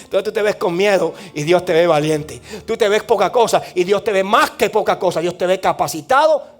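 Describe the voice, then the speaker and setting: Male pastor, sermon, high voice, emphatic repetition, soft music behind. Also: lively intonation, fairly quick. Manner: emphatic, repetitive, swings from loud to hushed.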